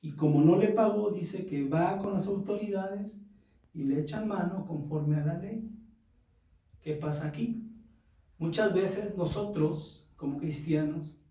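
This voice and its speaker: Pastor, male, slow sermon delivery, dark tone, echoey church hall, mic set off at a distance. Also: sits high. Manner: unhurried preaching, addressing the church directly. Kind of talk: sermon reading and explaining scripture.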